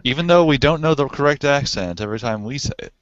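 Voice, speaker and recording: Animated man on muffled lo-fi audio. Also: mid-range voice, fast, no echo. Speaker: podcast panelist. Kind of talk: casual chat. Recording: dull lo-fi audio.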